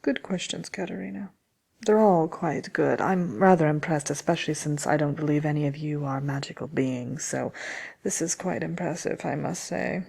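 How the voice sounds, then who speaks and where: In a soft ASMR roleplay, a woman plays the smug, envious Wicked Witch, giving soft-spoken, chatty answers to listener questions. Her heavily acted voice sits low and is breathy, creaky, and often near a whisper. She sounds smug and amused, sly and haughty, hesitating with many drawn-out pauses.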